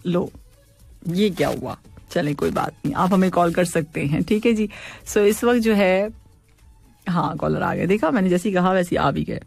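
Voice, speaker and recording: A woman's voice: fairly low pitch, lively intonation, normal speed, gravelly, darkish tone, no room sound, faint music behind. A woman hosting a radio call-in show, reading listeners' messages and teasing them playfully, laughing often. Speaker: radio host.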